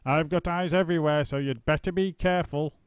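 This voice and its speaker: A man's voice: steady tone, fairly quick, clean tone, dry recording, lightly acted. A man doing a shrieking nasty old hag. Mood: menacing cackle. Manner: high screechy cackling voice.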